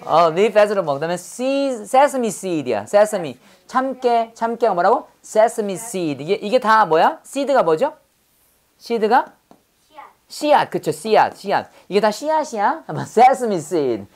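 A woman leads a classroom vocabulary lesson. She is playful and lively, drilling each word aloud and slipping in pun stories with acted-out voices. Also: mid-range voice, slow pace. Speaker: English teacher.

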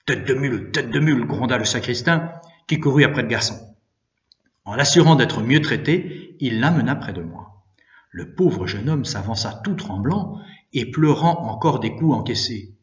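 Expressive priest reading in an echoey room. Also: male voice, mid-range voice, normal speed. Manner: expressive storytelling. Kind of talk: reading a religious story aloud. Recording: distant, echoey, dull room recording.

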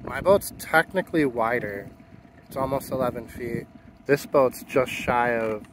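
Speaking a little slowly in a mid-range voice, a middle-aged homesteader who lives off-grid and sails narrates a casual vlog outdoors, in the woods and at a marina, plainly thinking through his work as he films himself. Music plays beneath his voice amid a noisy background.

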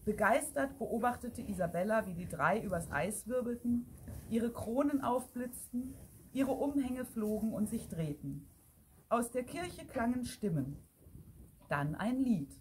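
A woman with a somewhat high voice narrates a fairy tale aloud, bringing the scenes to life with lively, expressive pacing. Her reading sounds like a storyteller sharing a tale with listeners. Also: a little slow, slight background noise. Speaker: audiobook reader.

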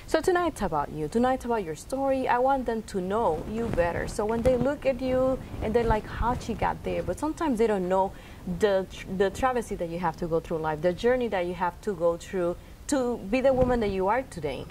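A woman's voice: mid-range voice, animated, fairly quick, warm tone, a little hiss or hum. A middle-aged woman hosting an interview in a TV studio, asking questions in a curious, chatty way. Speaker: host. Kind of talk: interview chat. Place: TV studio set.

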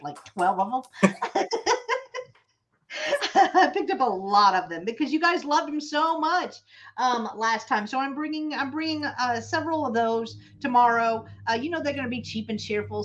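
A woman's voice: sits high, dull audio. A woman hosting a live vintage sale stream, chatty and bubbly, laughing often as she talks to viewers. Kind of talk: casual live-stream chat.

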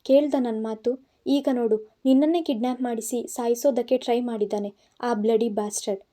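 A woman's voice: a little high, steady tone, normal speed, mellow, natural voice. A woman reading the part of an angry, protective young man in an audiobook, scolding and insistent. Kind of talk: audiobook narration.

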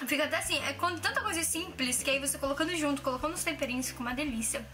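A woman in her twenties rattles along rapid-fire in a high-pitched voice while filming a home cooking vlog in her kitchen. She's chatty but hesitant, with lots of restarts and fillers. A camera mic at arm's length captures her along with music playing underneath and clinking dishes.

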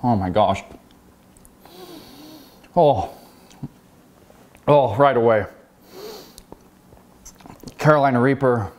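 A man's voice: mid-range voice, very slow, long pauses, lo-fi sound. A man talking casually to camera in a vlog, hesitant and self-deprecating. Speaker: YouTuber.

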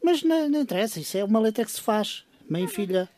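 Radialista portuguesa brincalhona. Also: female voice, medium pitch, expressive, fast, mellow, dry recording, studio quality. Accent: European Portuguese. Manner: coaxing, playful. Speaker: radio host. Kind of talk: casual radio interview.

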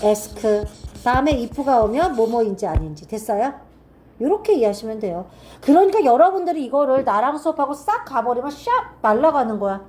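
A high-voiced woman with a lively, swooping delivery runs a grammar class. She keeps checking in with her students and reads each example sentence slowly and carefully. She is recorded in a classroom. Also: slight background noise. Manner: quizzing students with quick repeated checks. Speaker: English teacher at a cram school.

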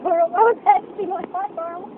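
A woman's voice: very high voice, fairly even intonation, fast, phone-quality sound. A giggly young woman filming in a moving car, teasing and playful as she chats. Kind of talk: giggly casual chat. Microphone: handheld camera. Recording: loud car road noise. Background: loud road noise.

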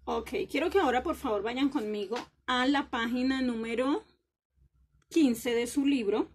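Teaching children a language, a woman offers warm praise and draws words out slowly so the stressed syllable stands out. She has a high, slightly rough voice.

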